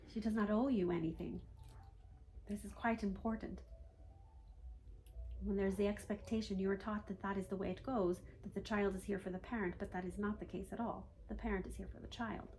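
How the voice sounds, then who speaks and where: Spirit guide played by a woman, seance medium delivery: formal, instructive, measured authority, questioning tags, slight background noise. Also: medium pitch, darkish tone, lightly acted, low-quality recording. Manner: formal stilted phrasing, often ending statements with "yes?". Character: calm, authoritative male spirit guide teaching human seekers. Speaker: trance channeler.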